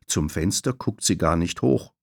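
A man reads a children's story aloud in a slow, expressive way. His voice sits low and moves lively through each sentence. The sound is dry and close, with no room behind it. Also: gravelly, no echo. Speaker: audiobook narrator. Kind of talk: children's audiobook narration.

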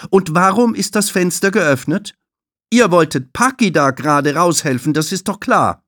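A man voicing a strict adult woman receptionist at a safari park, loud and suspicious as she scolds. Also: sits high, lively intonation, unhurried, dry recording, clean studio sound, pitched above the performer's own voice. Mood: accusing.

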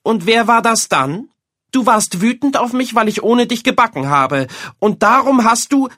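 A man's voice: mid-range voice, lively intonation, a little slow, gravelly, husky, dry recording, clean studio sound, heavily acted. A man voicing an upset mother who accuses her son, hurt and near tears. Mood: accusing. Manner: accusing, hurt, sometimes hushed.

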